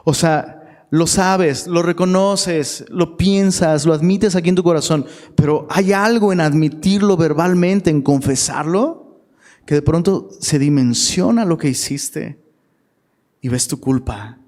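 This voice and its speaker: Guy pastor preaching casual to young folks, slangy, keeps asking the crowd stuff, a bit high voice, big hall echo. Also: a little slow, a little mellow. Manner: slangy and chatty, often asks the audience questions. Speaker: youth pastor. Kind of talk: casual sermon to a live audience. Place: church hall. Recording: long hall reverb.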